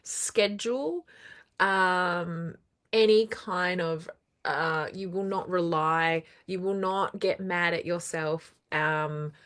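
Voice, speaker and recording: A numerology channel host speaks casually but earnestly straight to camera, repeating words for emphasis and sounding reassuring. Her voice is somewhat low, fairly bright and slow, with a slight lingering cough from recent throat trouble.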